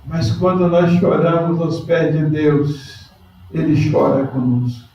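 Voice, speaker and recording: A man preaching a lively sermon and quizzing his congregation by name. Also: on the high side, slow, heavy reverb, distant mic, lo-fi sound, slight background noise. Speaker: pastor.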